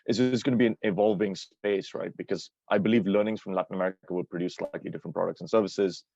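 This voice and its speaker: A man's voice: deep voice, fairly even intonation, fast, gravelly, a little mellow, no room sound, highs cut off. A man co-hosting a podcast, asking long, winding questions with many restarts. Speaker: podcast co-host. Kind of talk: interview questions.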